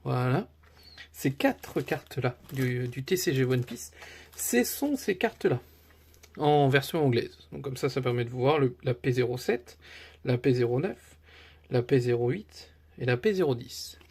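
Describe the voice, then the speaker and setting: A man's voice: medium pitch, animated, measured pace, darkish tone, breathy edge. A man chatting casually to his viewers as a collector, enthusiastic and rambling, with many fillers and restarts. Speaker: card collector YouTuber. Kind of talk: casual chat to camera.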